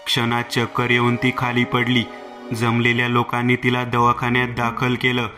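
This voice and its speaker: A man narrating a horror story in a steady, scripted reading voice. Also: mid-range voice, normal speed, faint music behind.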